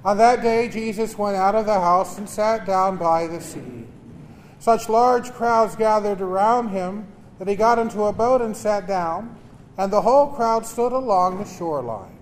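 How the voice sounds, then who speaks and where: A priest proclaiming the gospel and preaching a homily in a large church with a long cathedral-like echo, earnest with homely jokes. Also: male voice, sits high, expressive, measured pace, slight background noise. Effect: long cathedral-like reverb. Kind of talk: Mass gospel reading and homily. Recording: echoey church hall.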